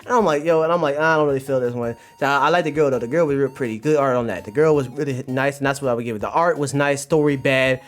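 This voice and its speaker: A man livestreams a manga review, tossing slangy, exclamatory commentary at his live chat and repeating phrases in bursts. His voice is mid-range, and he talks fast with hardly any pauses. Music plays behind him.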